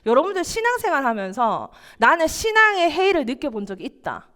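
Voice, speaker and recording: Casting: young female preacher, high voice, lively animated delivery, sermon. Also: brisk. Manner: questions the listeners, acts out family quotes. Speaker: youth ministry preacher.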